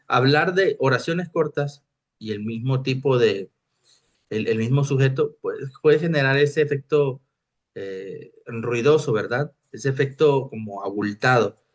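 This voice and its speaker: A man, teaching a recorded lecture on technical writing, explaining through examples and often checking in with his listeners. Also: medium pitch. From Mexico.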